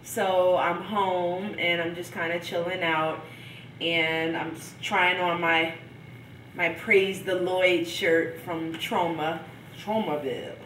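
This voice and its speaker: A woman's voice: fairly low pitch, steady tone, slow pace, a bit bright, distant mic, a little hiss or hum. A young woman chatting casually in a home video diary, stuffed up with a cold and laughing between thoughts. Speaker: vlogger. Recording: echoey room, from off the mic.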